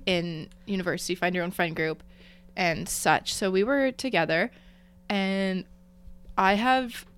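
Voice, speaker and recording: Smooth-voiced young woman. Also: mid-range voice, a little slow. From Canada. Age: young adult. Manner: teasing, animated storyteller. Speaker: podcast co-host. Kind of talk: casual chat.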